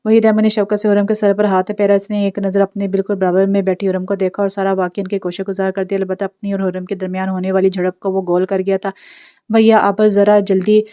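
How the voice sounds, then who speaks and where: A woman narrates a romance novel in a calm, even storytelling voice. Her pitch barely moves. The tone is smooth and darkly mellow. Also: quick pace, hardly any pauses. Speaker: audiobook narrator.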